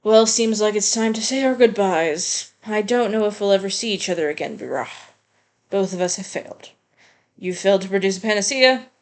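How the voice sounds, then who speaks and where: A woman's voice: medium pitch, a little fast, lightly acted. A woman reading as a grim, cornered male scientist. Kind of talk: reading game dialogue aloud.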